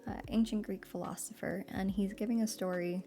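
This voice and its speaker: A woman's mellow, warm voice with a morning sleepiness to it. She chats easily and laughs often. Faint music plays behind her. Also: mid-range voice, fairly quick. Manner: relaxed, chatty, laughs often. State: morning voice, still waking up. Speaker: streamer reading aloud. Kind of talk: soft live-stream reading and chat.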